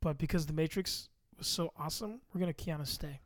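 A man's voice: a little high, a little fast, no echo. A young man co-hosting a casual podcast, joking and trash-talking playfully into a close mic. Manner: joking, playful trash talk and mock rapping. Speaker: podcast co-host. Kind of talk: casual chat. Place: home room at a computer. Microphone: close microphone.

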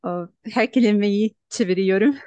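A woman in her twenties from Russia with a Russian accent, answering interview questions in halting, simple non-native Turkish. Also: mid-range voice, warm tone, no room sound, lo-fi sound. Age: 20s. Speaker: interview guest, language learner. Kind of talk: casual interview.

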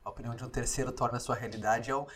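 A man's voice: mid-range voice, steady tone, rapid-fire, fairly bright tone. A man hosting a casual interview, reflecting on his guest's points and asking questions. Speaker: podcast host.

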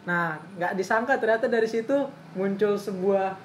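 A woman's voice: medium pitch, moderate pace. A young woman with a Jakarta accent telling an anecdote in casual, slangy Jakarta speech, teasing as she goes. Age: young adult. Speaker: storyteller leading a group chat. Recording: roomy echo, faint background noise.

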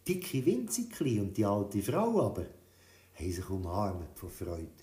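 A man reading a children's story, in a lively, expressive telling. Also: fairly low pitch, unhurried. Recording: roomy echo.

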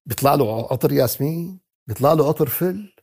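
A man teaching Quran commentary. He asks the audience questions, answers them himself, and addresses the listeners warmly. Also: fairly high pitch, expressive, fast, creaky, breathy edge. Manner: talks to the audience as "beloved ones" in a warm teaching tone.

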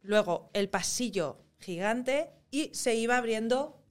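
A woman tells a story in a lively, animated way, voicing her own past words as she goes. Her voice sits a little high for a woman. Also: slow pace, faint music behind. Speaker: actress, interview guest. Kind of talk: lively anecdote in casual chat.

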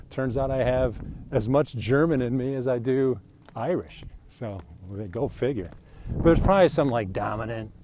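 A man in his fifties, with a lowish, darkish voice, chats by himself on a podcast, rambling and self-deprecating with regular "right?" asides. A bit of hiss or hum can be heard.

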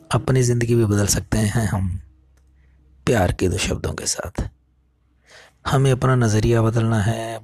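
Gravelly, earnest male storyteller. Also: on the low side, no echo, clean studio sound. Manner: earnest, preachy, animated storytelling. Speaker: motivational speaker. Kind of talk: moral storytelling talk.

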